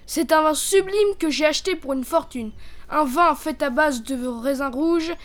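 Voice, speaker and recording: A woman's voice: high voice, moderate pace, natural voice. A woman doing a sly, sweet-talking peasant man. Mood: honeyed. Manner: falsely sweet, honeyed voice.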